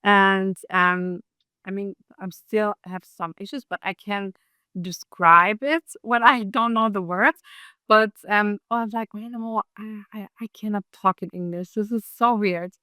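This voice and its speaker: German-raised woman guest, clear smooth voice, dry close sound, lots of ums. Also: medium pitch, fairly even intonation, unhurried, bright, forceful tone, no room sound. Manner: hesitant, many fillers, laughs often. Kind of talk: casual interview chat.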